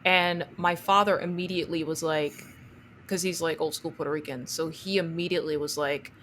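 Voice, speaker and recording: A woman's voice: sits low, steady tone, brisk, a bit bright, a little hiss or hum. Woman in her thirties telling a story. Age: 30s. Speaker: podcast co-host. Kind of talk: casual chat.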